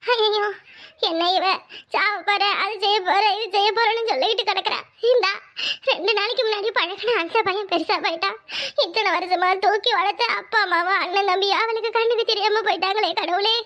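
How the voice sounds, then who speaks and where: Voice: very high voice, a little fast, bright, forceful tone. A performer voicing a frantic young sister-in-law who wails to God and mutters to herself. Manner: wailing, calling on God, talking to herself. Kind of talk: Tamil family drama voiceover.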